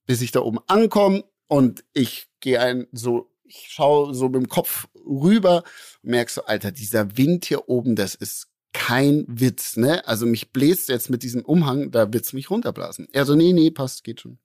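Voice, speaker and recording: A man, telling a long story as a podcast co-host in a lively, slangy way and acting out the voices in it. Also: mid-range voice, normal speed, dry recording, clean studio sound. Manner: animated, acts out voices in his anecdote, slangy. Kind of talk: casual storytelling among friends.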